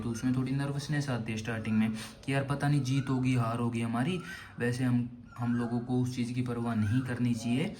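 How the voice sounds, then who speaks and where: Young teacher drilling vocab mnemonics. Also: male voice, mid-range voice, a little mellow, a little hiss or hum. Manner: explains with mnemonics, says "theek hai" constantly; asks questions and answers them himself. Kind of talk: online vocabulary lesson.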